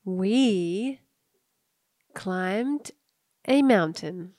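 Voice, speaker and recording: A woman's voice: mid-range voice, lively intonation, drawn-out words, a little mellow, dry recording, studio quality. An Australian woman co-hosting a podcast, telling a story in casual chat and laughing often. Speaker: podcast co-host.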